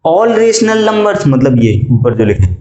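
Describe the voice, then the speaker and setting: A man's voice: mid-range voice, big pitch swings, darkish tone, dull audio. Echoey male math teacher quizzing a class. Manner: quizzes students, repeats statements slowly, calls them "beta". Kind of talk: classroom lecture. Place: classroom with students.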